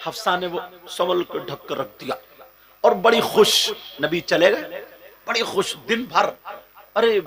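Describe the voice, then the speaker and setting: A man delivering an emotional religious sermon to a live gathering, questioning the crowd and rising from soft asides to shouted, half-sung passages. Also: high voice. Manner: keeps questioning the audience directly. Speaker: preacher. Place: stage before a live gathering.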